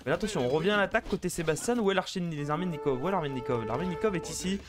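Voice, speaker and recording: Fast excitable esports caster. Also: male voice, on the high side, music in the background. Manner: excitable, fast, chatty, banters with chat. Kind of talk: live game commentary.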